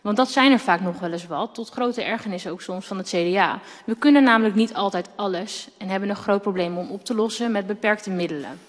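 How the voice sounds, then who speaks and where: A woman's voice: mid-range voice, a little fast, few pauses. Woman council member in a reverberant chamber. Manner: earnest, with frequent hesitations. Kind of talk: council debate speech.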